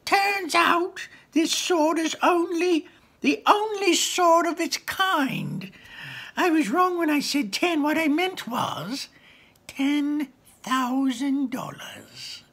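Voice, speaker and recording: Man doing a high shrill goblin woman, old, sly, greedy, sugary drawl, storybook reading. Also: big pitch swings, slow, sharp tone, heavily acted. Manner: high sweet wheedling drawl.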